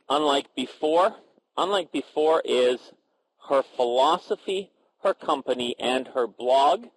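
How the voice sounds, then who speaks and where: On a low-quality recording with a little hiss or hum, a mid-range male voice hosts a professional panel. Introducing the guests and asking questions, he stumbles along with frequent fillers and restarts.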